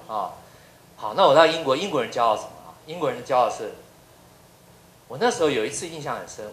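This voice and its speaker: A middle-aged professor speaks, telling funny anecdotes and asking the room one rhetorical question after another. His fairly high voice swings widely in pitch as he talks. The sound carries the echo of a roomy lecture hall. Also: a bit bright, a little hiss or hum. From Taiwan. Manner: humorous storyteller, many rhetorical questions. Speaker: university professor giving a public lecture.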